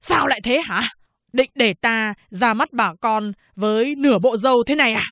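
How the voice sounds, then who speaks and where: A woman voicing a proud, defiant man condemned to death, who speaks loudly and indignantly. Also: a little high, normal speed, dry recording. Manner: loud, commanding, indignant. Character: defiant condemned male prisoner, proud and fiery.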